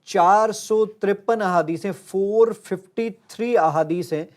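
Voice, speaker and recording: A man with a slightly raised voice talks in an earnest, explaining way. He is the founder of a tech app, guesting on an interview show and walking the host through a live demo one step at a time. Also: high voice. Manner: earnest, explains step by step while showing a phone.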